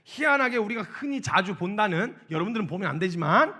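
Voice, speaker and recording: A man preaching a sermon to students as a missionary, telling the story with lively acted-out dialogue. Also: high voice, quick pace, slightly rough. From South Korea. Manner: animated storytelling, acts out dialogue with shouts.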